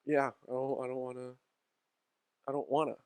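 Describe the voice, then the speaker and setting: A man's voice: medium pitch, fairly even intonation, normal speed, a little mellow, smooth, no echo. A man in his thirties co-hosting a podcast in casual chat, joking and slangy and laughing often. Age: 30s. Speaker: podcast co-host.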